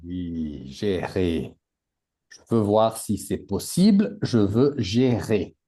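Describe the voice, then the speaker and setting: A man's voice: on the low side, big pitch swings, slow, warm tone. A man teaching a language class, patiently repeating words and adding English glosses for his students. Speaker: French teacher.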